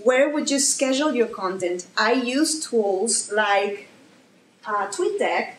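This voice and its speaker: A woman with a Mexican accent giving a lively presentation to an audience in a room, talking with fillers and restarts. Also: a little high, takes it slowly, a little hiss or hum. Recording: echoey room, faint ambience.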